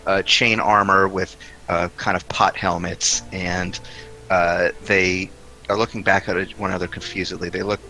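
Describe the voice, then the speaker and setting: A man narrating a tabletop role-playing game as game master, improvising in a halting way as he describes the scene. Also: low-pitched, flat delivery, sharp tone, soft background music, rough recording.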